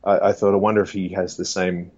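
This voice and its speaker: A man's voice: low voice, flat delivery, quick pace, darkish tone, husky, dry recording, dull audio. Chatty man doing impressions. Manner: chatty, laughs often, stammers restarts. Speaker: guest. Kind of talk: casual interview chat.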